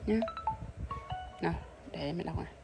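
A woman's voice: fairly low pitch, normal speed, gravelly, over loud music. Mother drilling pronunciation. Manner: patient, repeats and stresses sounds for drilling. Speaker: mother coaching her child. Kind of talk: home pronunciation practice.

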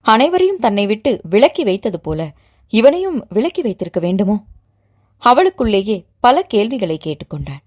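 Expressive woman narrating a novel. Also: mid-range voice, normal speed. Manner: expressive storytelling reading.

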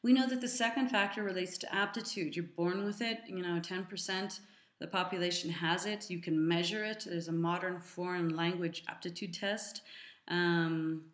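A woman's voice: on the low side, steady tone, normal speed, reverberant. A middle-aged woman giving an educational talk to an audience, conversational with many fillers and asides. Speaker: lecturer.

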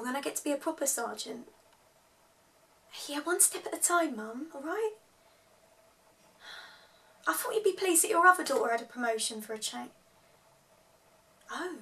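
An actress performs a put-upon East End woman on the phone, with a Cockney accent and a high voice. She talks slowly and wryly, leaving pauses as in a real conversation. The microphone sits a little way off in a room. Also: fairly bright tone. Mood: defensive, then concerned. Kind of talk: acted monologue, one side of a phone call. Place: small indoor room, plain wall. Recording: slightly distant microphone.

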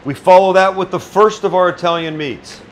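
High-pitched and fairly quick, this middle-aged man leads a casual cooking demonstration in a small restaurant kitchen. He jokes bluntly and swears freely as chef and show host, and a faint hiss or hum runs underneath.

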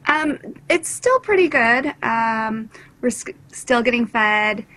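A middle-aged woman speaking on a video call from a cruise ship cabin, calm and hesitant, with many fillers. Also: a little high, takes it slowly, low-quality recording.

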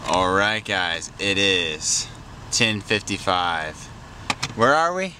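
A man's voice: deep voice, expressive, slow pace, noisy background. A young man talking casually to a handheld camera in a car, upbeat and full of surfer slang. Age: young adult. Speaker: vlogger. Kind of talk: casual travel vlog. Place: inside a car and a house kitchen. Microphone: handheld action camera at arm's length.

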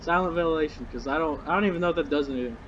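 A man's voice: a little high, racing. A scared, nervous man with a cracking voice, commenting casually and with plenty of swearing as he streams a horror game. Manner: foul-mouthed. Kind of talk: live gameplay commentary, casual. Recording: dull lo-fi mic, faint game noise.

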